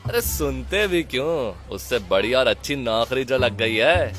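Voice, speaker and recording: A man voicing a crude, excitable young man who swears freely in an audio drama. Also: mid-range voice, measured pace, faint music behind. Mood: excited. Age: young adult.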